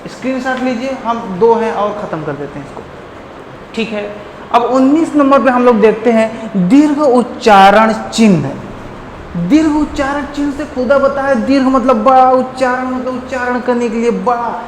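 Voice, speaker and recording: A man teaching a Hindi grammar lesson in a playful, joking way, warmly calling his listeners friends and drawing out words to demonstrate them. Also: extremely high pitch, normal speed. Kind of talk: online classroom lesson. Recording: echoey room with long reverb and faint noise.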